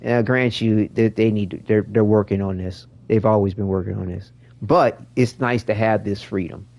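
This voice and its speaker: A man's voice: fairly low pitch, fairly even intonation, moderate pace, creaky, darkish tone. A man giving casual gaming commentary in a rambling, slangy way, often repeating his words. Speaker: streamer showing a game to a viewer.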